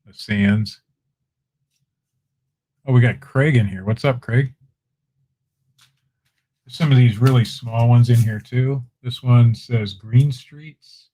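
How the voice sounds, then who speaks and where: A man with a mid-range voice runs a laid-back live-stream auction, speaking slowly with long pauses. He shows off items, calls bids, and chats easily with the viewers in chat.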